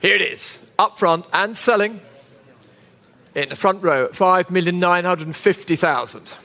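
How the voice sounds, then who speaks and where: A man's voice: high-pitched, measured pace, pushed and bright. A man working as a live auctioneer, calling bids with polite, coaxing patter and repeating the figures. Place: large indoor auction saleroom. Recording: reverberant hall sound.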